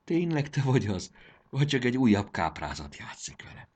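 A man's voice: mid-range voice, sing-song, darkish tone, husky, pitched above the performer's own voice. A man voicing a grieving mother who speaks in a trembling, emotional way in a storybook reading.

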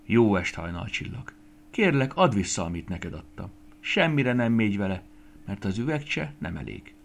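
Man doing Estike, a small earnest fairy girl. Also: gravelly. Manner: rises high and loud when excited.

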